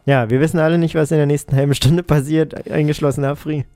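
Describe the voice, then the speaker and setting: Mellow-voiced man reading news wryly. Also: fairly high pitch, fairly even intonation, quick pace, no room sound. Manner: dry ironic asides after each news item. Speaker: radio show co-host. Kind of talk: casual joking news reading.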